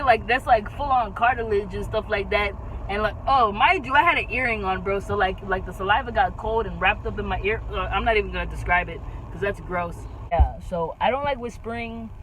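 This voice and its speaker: A young woman vlogging in a casual chat, animated and slangy, leaning hard on "bro" and "like.". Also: mid-range voice, slight background noise, rough recording.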